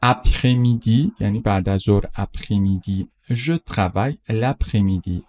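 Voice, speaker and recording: Middle-aged guy teaching words, slow repeats then quick explanations, low warm voice. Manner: repeats each word slowly, then explains it briskly. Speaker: French teacher. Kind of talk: vocabulary lesson with slow, repeated pronunciation.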